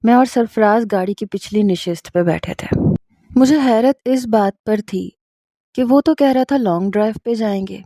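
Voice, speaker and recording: A woman narrating a first-person story in a steady, earnest way. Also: a little high, dry recording.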